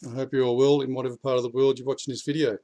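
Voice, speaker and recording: Rapid-fire and level in tone, this mid-range Australian prepping vlogger speaks casually about politics to camera outside in his backyard. Still a bit croaky after the flu, he's blunt and foul-mouthed, and heats up, climbing in pitch and loudness, when urging something.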